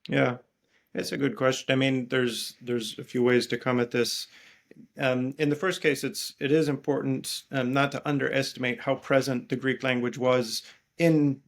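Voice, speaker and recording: Here a priest and biblical scholar appears as an interview guest, speaking with a flat delivery in a mid-pitched, gravel-edged voice. English is his native tongue, and he gropes through each explanation, pausing and repeating words as he reworks them.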